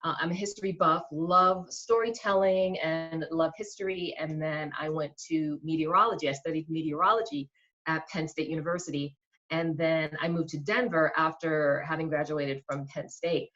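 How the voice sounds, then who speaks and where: An enthusiastic woman tells her story as a guest, full of ums and warm excitement. Her voice sits fairly low and comes through a dull, muffled connection. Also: normal speed. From Queens, New York. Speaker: guest, small business owner. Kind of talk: casual interview.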